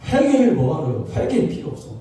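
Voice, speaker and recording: A sly, wheedling devil, as a man puts him on in a sermon, tossing out mocking, casual orders in a warm, dark voice. It rings through a big, echoey hall, picked up from well away from the mic. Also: high voice, sing-song, brisk, recorded from a distance, voice pushed up. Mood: coaxing. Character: sly tempting devil, male, coaxing and dismissive.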